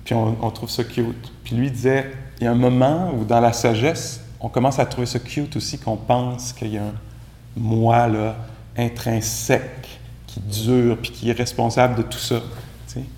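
A man with a Québécois French accent gives a Buddhist talk to a group. He sounds relaxed and conversational, with gentle self-mocking humor. His voice sits at an ordinary pitch, and the room around him echoes. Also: normal speed. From Quebec. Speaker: meditation teacher.

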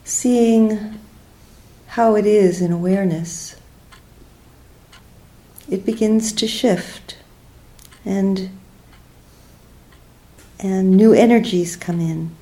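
A meditation teacher guides a session in a mid-range voice. She speaks gently and unhurriedly, in short phrases separated by pauses.

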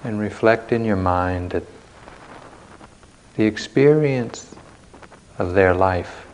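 Recorded live at a retreat, this man leads a guided meditation in short, measured phrases with long silences between them. His pitch is fairly low and slightly mellow, though the audio quality is poor.

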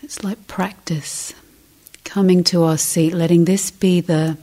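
Guiding a meditation, a female teacher speaks at a fairly low pitch in a steady tone. She stays soft and breathy, moving through short, measured phrases with long gaps, often nearly whispering.

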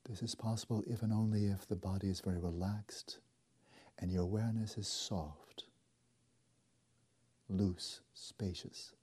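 A man leading a guided meditation as a teacher, speaking slowly and softly with deliberate pauses and a husky edge. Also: fairly low pitch, fairly even intonation. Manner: slow, soft and deliberate, with long pauses.

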